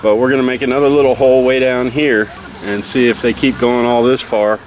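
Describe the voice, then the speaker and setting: A man's voice: medium pitch, brisk, rough recording. Easygoing man on an outdoor job. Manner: relaxed, plain-spoken, with many fillers. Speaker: beekeeper doing a bee removal. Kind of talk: casual on-site explanation. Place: outdoors beside a house wall. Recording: outdoor noise in the background.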